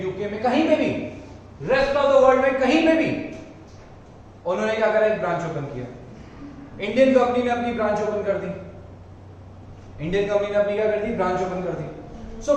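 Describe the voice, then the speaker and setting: A male economics teacher giving a classroom lecture, asking questions and answering them himself, repeating key terms and mixing English terms into Hindi. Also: sits high. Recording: echoey room, voice from far off, faint noise.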